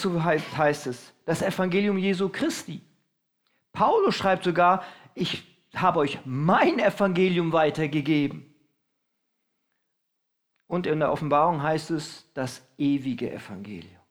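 Man, high voice, preaching, sermon, asks listeners questions. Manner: asks the congregation questions and acts out heralds' announcements.

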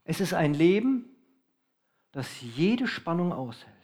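Male preacher, high-pitched, emphatic, stretches key phrases. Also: big pitch swings. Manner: emphatic, varies loudness, slows for stress. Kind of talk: sermon.

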